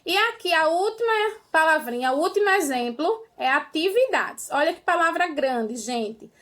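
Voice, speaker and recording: Brazilian woman teacher for young kids, high bright voice, patient, step by step. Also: animated, moderate pace. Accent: Brazilian Portuguese. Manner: patient, explains step by step, ends phrases with "tá?". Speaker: primary school teacher. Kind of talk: remote lesson for children.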